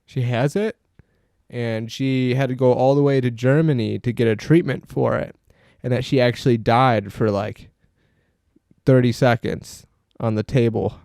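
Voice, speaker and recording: A man's voice: medium pitch, steady tone, a little slow, creaky, darkish tone, dry recording, studio quality. A man co-hosting a casual podcast, telling loose anecdotes and teasing his friend. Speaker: podcast co-host. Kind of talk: casual chat.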